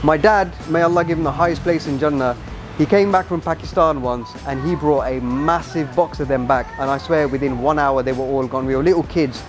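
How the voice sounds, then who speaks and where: Speaking fairly quickly in a slightly high voice, a male vlogger covers travel and food while chatting informally to viewers. He's out in busy streets and shops, with music, traffic, and urban sounds audible in the background.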